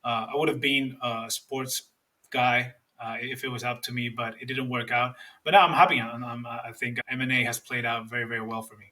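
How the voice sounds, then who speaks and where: A Spanish-accented man in his thirties, talking earnestly as a podcast guest and often restarting his sentences. His voice is bright and forward. He sits a little away from the mic. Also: mid-range voice, fairly even intonation, a little fast, far from the mic. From Spain. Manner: earnest, explanatory, with frequent restarts. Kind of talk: podcast interview.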